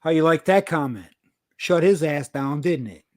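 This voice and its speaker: Blunt cussing guy in his 50s on a video call, a bit high, bone dry sound. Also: normal speed, no room sound. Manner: blunt and profane, swings from calm to heated. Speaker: livestreamer sharing news of predator cases. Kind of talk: casual livestream chat.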